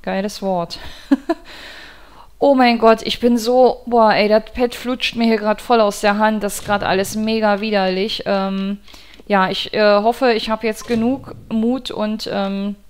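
A woman's voice: mid-range voice, fairly even intonation, a little slow, clean tone. A woman commentating her own gameplay in a let's play, rambling with fillers and breaking into panicky, swearing outbursts. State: sweaty and stressed.

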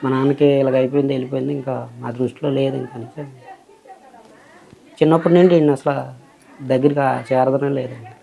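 Fast-talking man with a dark voice. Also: mid-range voice, fairly even intonation, creaky. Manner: rambling, recounting at length. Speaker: interviewee, father. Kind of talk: casual interview.

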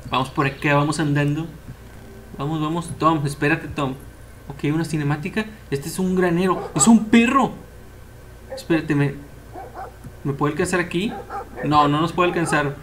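Excitable young man playing a game. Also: fairly high pitch, background noise. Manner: excitable, chatty, cheers on the characters. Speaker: gameplay commentator. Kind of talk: casual let's-play commentary.

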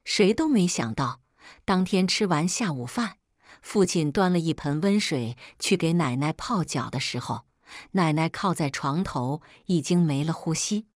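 Low-voiced woman narrating a family story. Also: unhurried, dry recording, studio quality. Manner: calm, steady first-person narration. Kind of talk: read-aloud family storytelling.

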